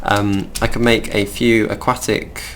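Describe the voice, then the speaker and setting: A man's voice: on the low side, little pitch movement, unhurried, fairly bright tone, slight background noise. A young man from the middle of England with a Midlands accent, chatting casually and rambling as he plays and hosts a game video. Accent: Midlands English. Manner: chatty, rambling, easily distracted. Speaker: gaming channel host.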